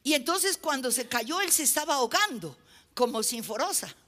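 A woman's voice: sits high, big pitch swings, normal speed, fairly bright tone. A woman preaching a sermon, emphatic and repeating phrases for effect while telling anecdotes.

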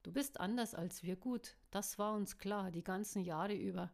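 A woman reading a story voices a cool, determined young man with a slightly rough edge. He speaks steadily and earnestly, lightly acted near the reader's own voice. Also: medium pitch, moderate pace, darkish tone, natural voice.

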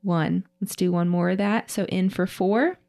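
A woman podcast host guiding a breathing exercise, counting breaths slowly and in a measured way. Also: on the low side, fairly even intonation, a little mellow.

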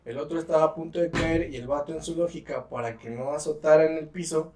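A man's voice: on the high side, quick pace, darkish tone, echoey room, recorded from a distance, slight background noise. A man co-hosting a podcast, telling a work story in crude, teasing, swearing casual chat. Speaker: podcast co-host.

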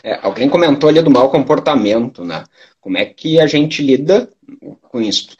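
A man teacher from Brazil answering audience questions in a relaxed, hesitant way, with lots of filler words. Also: medium pitch, breathy edge. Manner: unhurried, hesitant, many fillers. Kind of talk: live educational talk answering questions. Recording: dull lo-fi sound.

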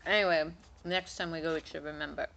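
A woman's voice: low-pitched, steady tone, quick pace, gravelly, a bit bright, muffled recording. A woman co-hosting a casual chat podcast, telling loose stories with frequent ums and casual swearing. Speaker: podcast co-host.

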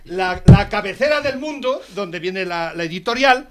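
A man's voice: high-pitched, expressive, moderate pace. A man from Spain with a Spanish accent, a regular on a radio talk show, arguing hotly, insisting on finishing and repeating his points. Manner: insistent, interrupts, repeats himself. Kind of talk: heated on-air argument.

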